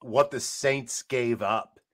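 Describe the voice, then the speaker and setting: A man hosting a fantasy football podcast who talks in a relaxed way and calls on each panelist in turn. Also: mid-range voice, slow pace. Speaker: podcast host. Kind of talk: casual podcast chat.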